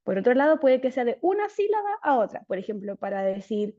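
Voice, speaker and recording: A woman speech therapist giving an online lecture, explaining things clearly and steadily. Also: on the high side, sing-song, a little fast, dark tone, highs cut off. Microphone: video call.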